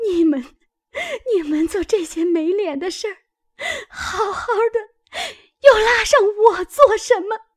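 A woman's voice: extremely high pitch, takes it slowly, voice pushed up. A woman voicing a wronged young maid who cries out through her tears. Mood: sobbing. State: crying.

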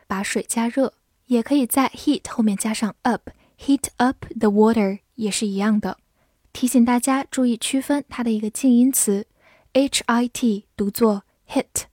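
A woman teaching English vocabulary in a scripted lesson. She spells words out letter by letter and reads the example sentences slowly and carefully. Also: on the high side, mellow, no room sound.

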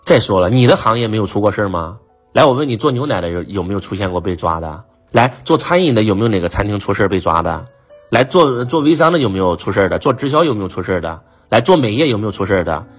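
A man's voice: mid-range voice, husky. A man giving a motivational lecture as a business trainer, speaking with emphasis, firing off rhetorical questions and often asking the listeners "right?".

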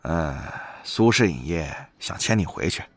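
A woman's voice: rumbling low, animated, measured pace, husky, no room sound, pitched below the performer's own voice, full character voice. A woman voicing a lazy, shameless female company boss in an audio novel, in an offhand drawl.

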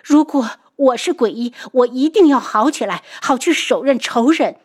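A woman's voice: sits high, animated, normal speed, a little mellow, pitched above the performer's own voice. A woman voicing a fiery, passionate young woman healer in an audiobook, speaking sharply and emphatically. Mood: indignant.

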